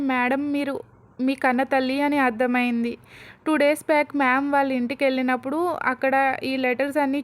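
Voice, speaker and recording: A gentle young wife speaks softly and earnestly to soothe her husband, as a woman narrator reads her part. The voice stays high and plain, as in a spoken storybook. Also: lightly acted.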